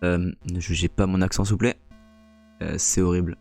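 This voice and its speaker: A man's voice: low-pitched, little pitch movement, moderate pace, gravelly, a little mellow, faint music behind. A young man casually commenting live as he plays a horror game, chatty and joking, reacting to the scares. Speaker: streamer playing a horror game.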